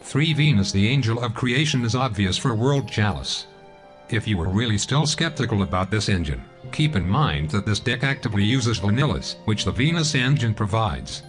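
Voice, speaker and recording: This is a synthetic male text-to-speech voice, pitched a little low, reading a scripted walkthrough at a steady, even clip. Faint music plays underneath throughout. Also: moderate pace. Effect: text-to-speech robot voice. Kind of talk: scripted card game deck explanation.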